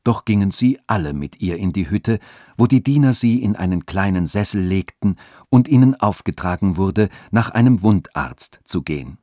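A man calmly narrating a radio story. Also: low voice, moderate pace, no room sound, studio quality. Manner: calm, even storytelling.

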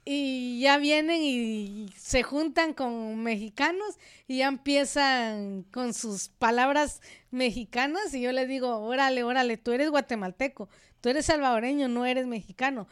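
A woman with a Central American Spanish accent talks on a radio show in a blunt, animated way, full of asides to her co-host. Her voice sits fairly high and comes through smooth and clean on the studio mic. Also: measured pace. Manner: outspoken, animated storytelling with asides. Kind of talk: casual radio chat.

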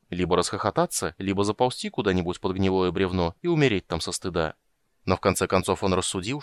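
Low, animated male audiobook reader. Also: clean tone, dry recording. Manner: expressive storytelling. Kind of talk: scripted narration.

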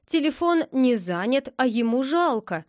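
A woman voicing an indignant adult neighbor in a read-aloud storybook, with a shrill, offended manner. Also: very animated, a little slow, a little mellow, no echo, studio quality. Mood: polite.

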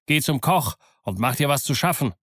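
A man's voice: medium pitch, expressive, normal speed, fairly bright tone, slightly rough, dry recording, studio quality, voice pushed up. A man doing a curt, commanding sea captain. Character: stern curt ship's captain, middle-aged man.

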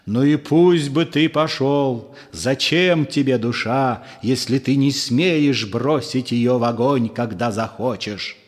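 A man's voice: mid-range voice, slow pace, few pauses, natural voice. A man voicing a bitter, scornful disciple who accuses with fierce passion, in a storybook reading. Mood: mocking. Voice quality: fervent, accusing, sharply mocking. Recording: long room reverb.

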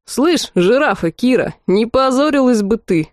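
A woman's voice: a little high, expressive, unhurried, a little mellow, dry recording, clean studio sound, pitched above the performer's own voice. A woman voicing a mocking young male student in a storybook reading, scornful and jeering.

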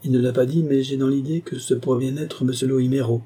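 A man's voice: medium pitch, fairly even intonation, fairly quick, mellow, husky, voice pushed up, lightly acted. A man voicing a pompous male butler who speaks with stiff formality in a storybook reading. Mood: haughty.

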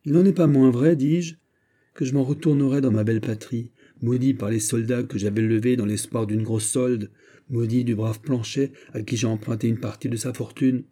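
A man voicing a proud, witty Gascon musketeer, animated and wry, in an audiobook reading. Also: mid-range voice, normal speed, natural voice. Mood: wry, bitter.

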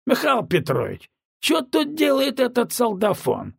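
A man voicing a drunken, cowardly young army captain who whines and shouts in panic. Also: huge pitch swings, measured pace, gravelly, breathy edge, dry recording, clean studio sound, heavily acted. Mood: drunken mumbling. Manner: whiny, mumbling, then shrill panicked shouting. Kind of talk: audiobook character voice.

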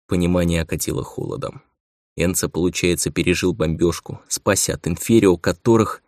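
Man narrating an audiobook, calm and measured, gravelly, dry close sound. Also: deep voice, no echo. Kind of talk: scripted narration.

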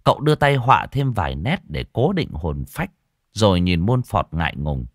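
A man's voice: low voice, very animated, moderate pace, dry recording, clean studio sound. A man narrating a ghost story in a dramatic storytelling manner.

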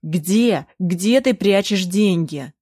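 A woman voicing a drunk, frenzied young man who shouts and threatens, demanding money. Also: medium pitch, expressive, takes it slowly, husky, dry recording, clean studio sound. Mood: furious. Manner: shouting, menacing.

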